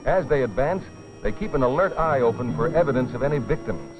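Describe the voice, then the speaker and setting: Over music on a dull, dated film soundtrack, a man gives solemn, dramatic scripted narration for an educational film, lending it rhetorical weight. His voice sits at medium pitch with lively intonation, and he speaks a little fast.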